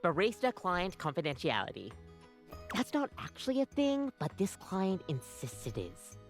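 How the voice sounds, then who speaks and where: A wry, chatty barista in a video game. Her voice sits a little low but moves around expressively, with soft music behind. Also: huge pitch swings, moderate pace. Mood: wry, resigned. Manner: wry, conversational. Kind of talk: scripted video game voice acting.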